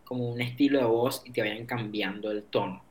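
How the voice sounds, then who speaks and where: A man trades loose, slang-heavy banter about games. His voice sits at an ordinary middle pitch for a man. He sounds easygoing and conversational. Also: steady tone, a little fast. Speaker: podcast co-host. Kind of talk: casual gaming chat.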